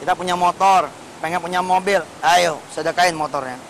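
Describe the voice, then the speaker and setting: A man preaching a sermon, telling stories in a lively, colloquial way and putting rhetorical questions to the congregation. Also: sits high, brisk, vocal fry, slight background noise, low-quality recording. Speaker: Islamic preacher.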